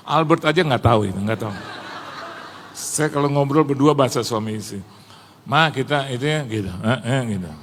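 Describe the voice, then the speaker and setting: A man's voice: medium pitch, fairly bright tone, a little hiss or hum. A man in his sixties preaching a sermon, telling humorous stories and acting out the voices of the people in them. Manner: storytelling, acting out quoted voices, addresses congregation as Saudara. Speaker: pastor. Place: church service.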